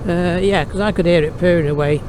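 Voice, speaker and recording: A man's voice: high voice, steady tone, brisk. A British man giving a casual motorbike review as he rides, speaking from inside his helmet. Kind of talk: casual ride-along review commentary. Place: outdoors, riding a motorbike on country roads. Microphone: mic inside a motorcycle helmet. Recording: noisy helmet mic with wind and engine.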